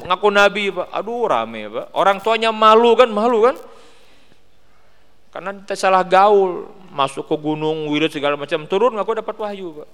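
A man with a West Javanese accent giving a lively sermon, joking and asking the congregation questions. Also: high-pitched, in a large hall. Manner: animated, teasing, asks the crowd questions. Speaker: preacher. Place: mosque hall.

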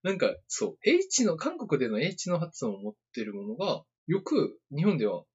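A man's voice: on the high side, huge pitch swings, normal speed, breathy edge. A man in casual chat, quizzing his co-host on words with a teasing, hint-giving manner. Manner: teasing quizmaster, gives hints. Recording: dull lo-fi podcast audio.

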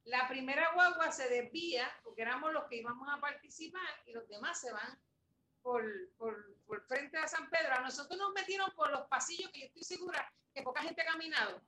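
A woman in her forties, a guest telling a story with feeling, animated and repeating words for emphasis. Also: high voice, a little fast. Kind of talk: emotional storytelling in an interview. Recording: echoey room, mic at a distance, faint background noise.

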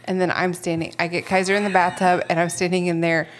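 Lower-voiced woman co-hosting a podcast. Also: fast, slight background noise. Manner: animated storyteller, laughs often. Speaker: podcast co-host. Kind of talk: casual chat.

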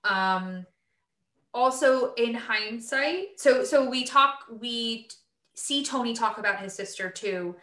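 Woman, late 20s, casual podcast co-host, chatty, bright voice, roomy echo. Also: a little high, takes it slowly. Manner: chatty, laughing, lots of fillers. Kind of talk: casual chat.

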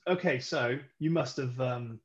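A man's voice: mid-range voice, a little slow. A man hosting a podcast, laid-back and sweary, laughing often. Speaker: podcast host. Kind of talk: casual chat. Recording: dull lo-fi audio.

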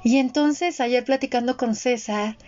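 A woman's voice: fairly high pitch, measured pace, darkish tone. A woman in her forties talking reflectively and earnestly, addressing her listeners directly in a motivational way. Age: 40s. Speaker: co-host. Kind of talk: reflective conversational talk. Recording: dull lo-fi sound.

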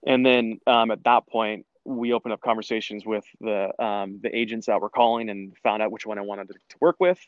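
A man chats about his soccer years in a low, unhurried voice full of restarts and fillers. The sound is dry and a bit muffled, with no room around it. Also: steady tone, no room sound. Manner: rambling, many restarts and filler words. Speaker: former college soccer player, guest. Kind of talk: casual interview conversation.

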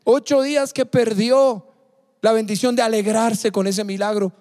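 A man preaches in a fairly high yet mellow voice, hammering his points home by repeating phrases. His sermon rings out with a long hall reverb around it. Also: steady tone, unhurried. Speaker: pastor.

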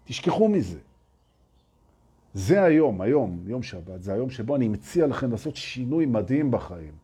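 Husky-voiced man giving an animated spiritual talk. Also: medium pitch. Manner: emphatic, repeats key phrases, fires rhetorical questions at listeners. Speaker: spiritual teacher addressing an audience.

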